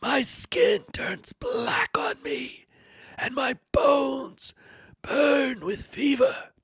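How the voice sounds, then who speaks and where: A woman's voice: high-pitched, sing-song, very slow, dry recording, heavily acted. A woman voicing the suffering old man Job, tearful and pleading, dramatically reading his lament with whispers and cries. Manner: anguished pleading, dramatic swings.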